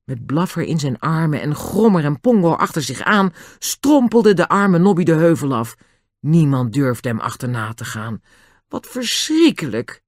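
An audiobook narrator telling a children's adventure story. The delivery is expressive, with a lively, swinging pitch. The recording is dry and close to the mic. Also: normal speed, no echo.

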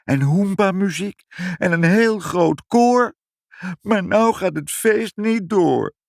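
A man voicing a tearful, excitable little girl in a read-aloud storybook, in a whiny, sobbing manner. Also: mid-range voice, normal speed, breathy edge, no room sound, studio quality, pitched above the performer's own voice. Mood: weepy.

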